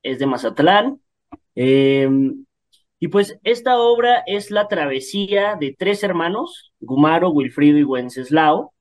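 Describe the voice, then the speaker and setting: A man's voice: a little high, lively intonation, slow pace. A man from Mexico City, an actor and director, explaining a play in an interview. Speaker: theater actor and director, guest.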